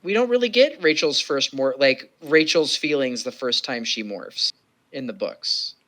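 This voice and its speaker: A man's voice: medium pitch, lively intonation, measured pace, pushed and bright. An American man co-hosting a casual watch-along chat, bantering in a dry, playful way. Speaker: co-host.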